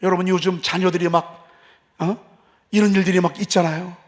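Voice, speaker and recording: A man preaching a sermon as pastor, passionate, moving from hushed talk to loud outbursts. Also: high-pitched, little pitch movement, fairly quick. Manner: impassioned, swings from hushed to shouting.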